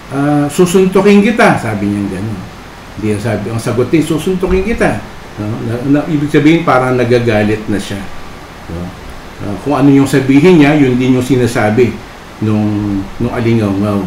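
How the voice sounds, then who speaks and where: A man's voice: mid-range voice, darkish tone, a little hiss or hum. A man preaching a storytelling sermon at a church worship service. He speaks hesitantly, with many fillers and tag questions. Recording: roomy hall with faint ambience.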